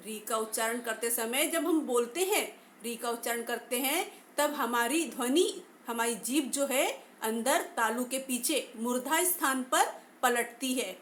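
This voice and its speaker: A woman teaching a careful lesson, sounding out each letter slowly and inviting listeners to try it themselves. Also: sits high, fairly bright tone, slight background noise. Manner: addresses listeners directly, inviting them to try. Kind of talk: slow, careful phonetics lesson.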